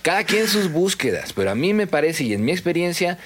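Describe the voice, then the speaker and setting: A man's voice: fairly high pitch, big pitch swings, brisk. Opinionated Mexican man talking casually. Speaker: guest singer-songwriter. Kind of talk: casual podcast interview talk.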